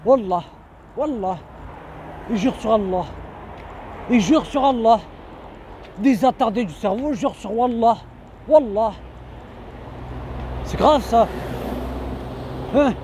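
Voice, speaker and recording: A man's voice: very high-pitched, slow, pauses often, slight background noise. A man, giving an indignant religious reminder outdoors and repeating his phrases again and again. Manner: insistent, repeats phrases over and over; shouting indignantly. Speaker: online preacher.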